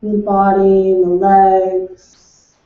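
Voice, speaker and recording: A woman leading a guided meditation, speaking in slow, soothing, unhurried instructions from far off in an echoing room. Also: medium pitch, monotone. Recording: distant, echoey and dull.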